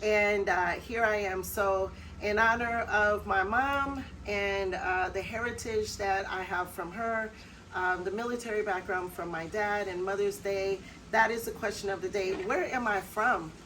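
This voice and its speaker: A middle-aged American woman vlogs casually to camera, friendly, personal, and chatty with quick laughs. Her mid-range voice is a bit bright, though the audio is poor with faint background noise.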